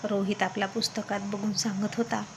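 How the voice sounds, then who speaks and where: A woman storyteller reading a scripted story in an even, descriptive way, with faint background noise. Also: mid-range voice, moderate pace. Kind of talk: scripted narration.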